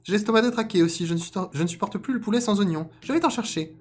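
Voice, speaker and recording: A man voicing a plump, cocky male rabbit who outwits the others in a spoken folk tale, in a very high, loud voice. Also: quick pace, a little hiss or hum, close to an everyday voice. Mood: perky.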